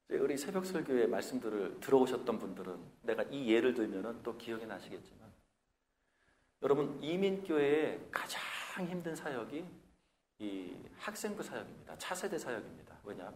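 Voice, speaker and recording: Animated Korean pastor preaching a sermon. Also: male voice, medium pitch, fairly quick, a little hiss or hum. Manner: animated preaching, acts out whiny complaints in a raised voice. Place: Korean church in Melbourne.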